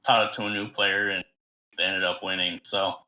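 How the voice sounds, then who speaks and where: A man co-hosting a board game podcast, explaining a game in a relaxed, casual way with some fillers. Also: low-pitched, moderate pace, low-quality recording. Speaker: podcast co-host. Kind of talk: casual chat.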